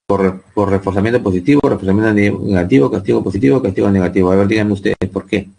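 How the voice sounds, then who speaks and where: A man's voice: on the low side, quick pace, gravelly, mellow, husky. A man with a Peruvian Spanish accent teaching a psychology class to students online, often checking in with them by asking "¿sí?". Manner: asks students frequent tag questions.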